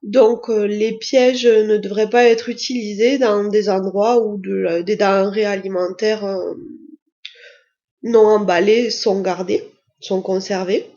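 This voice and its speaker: A woman's voice: mid-range voice, steady tone, slow, dark tone, echoey room, lo-fi sound. A French-speaking woman teaching an English lesson, explaining step by step with frequent hesitations and fillers. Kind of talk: language lesson narration.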